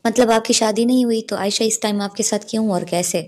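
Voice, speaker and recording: A woman's voice: on the low side, fairly even intonation, moderate pace, darkish tone, lightly acted. Woman voicing a naive young sister. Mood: surprised. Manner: innocent, surprised.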